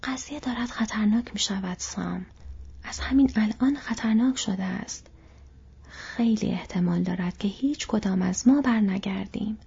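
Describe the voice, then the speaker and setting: A woman doing Frodo, a soft burdened hobbit. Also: mid-range voice, vocal fry, husky. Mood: troubled. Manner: soft, troubled. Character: young male hobbit, thoughtful and burdened. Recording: dull lo-fi recording.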